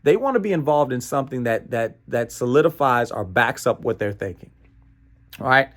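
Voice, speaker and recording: Expressive and fairly quick, this medium-pitched, fairly bright voice belongs to an American man leading a motivational training session. He speaks emphatically and playfully, repeats himself for effect, keeps asking "right?", and adds chuckling asides.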